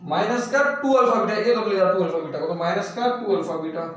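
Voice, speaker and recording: High-voiced teacher in an echoey room. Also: male voice, fairly quick, a bit bright, distant mic. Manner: repetitive, drills questions with "clear?" checks. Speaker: maths teacher. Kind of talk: classroom lesson explanation.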